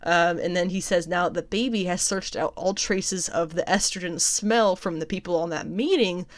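A woman's voice: fairly low pitch, normal speed. A woman casually recapping and reviewing comics. She talks in a chatty, amused way, laughs often and swears freely.

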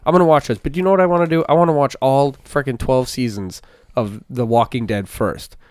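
A man's voice: medium pitch, fairly quick, clear, resonant tone, no echo, studio quality. A man hosting a podcast, chatting casually and telling rambling stories. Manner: rambling, animated storyteller. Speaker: podcast host. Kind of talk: casual chat.

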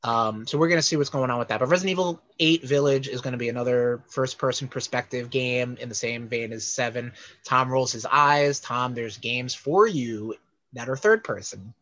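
A man's voice: medium pitch, normal speed, a bit bright, highs cut off. A man co-hosting a casual podcast, rambling upbeat about upcoming games and teasing his co-host.

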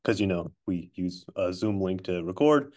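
A man hosting a podcast in casual chat, halting and self-deprecating as he talks. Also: sits low, expressive, darkish tone. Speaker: podcast host. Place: office. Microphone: not his regular microphone.

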